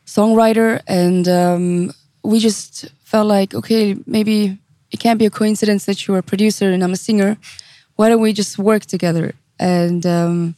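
A woman's voice: medium pitch, fairly even intonation, normal speed, mellow, no room sound, clean studio sound. A woman, a singer talking casually as an interview guest, with many fillers and restarts. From Switzerland. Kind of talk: casual chat.

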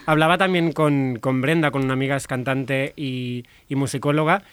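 A man's voice: medium pitch, steady tone, normal speed, fairly bright tone, clean tone, dry recording. Chatty man with dry close sound. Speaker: radio segment presenter. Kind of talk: casual radio chat.

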